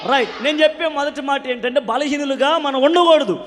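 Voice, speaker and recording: A man with a high voice preaches a sermon and keeps calling on his congregation to answer back. He swings between loud shouted lines and quiet, joking asides. His voice rings with a long reverb through a church meeting hall. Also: brisk, slight background noise. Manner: call-and-response, urging the crowd to repeat and shout back.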